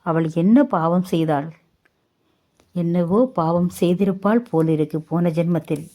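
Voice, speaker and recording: A kind younger sister-in-law pleading earnestly for a child, as a woman storyteller voices her. The tone is mellow and low, and she speaks slowly and gently. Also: steady tone.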